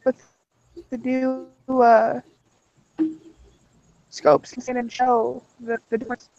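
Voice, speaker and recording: A woman's voice: a little high, little pitch movement, takes it slowly, warm tone, no echo, dull audio. Woman on a choppy, cutting-out call. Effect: choppy call audio that keeps cutting out. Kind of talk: casual chat. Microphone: video or voice call.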